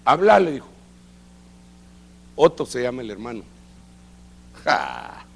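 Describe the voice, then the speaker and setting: Man, middle-aged preacher, sermon testimony, animated storytelling, lively pitch swings. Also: slow pace, creaky, husky. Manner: animated storytelling, acting out quoted dialogue. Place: church service.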